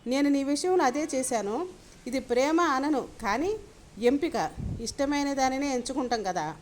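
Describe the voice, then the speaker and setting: Brief: woman voicing cool wealthy businesswoman, confident, high voice. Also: expressive, normal speed, slight background noise. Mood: assured. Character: proud rich businesswoman, cool and calculating.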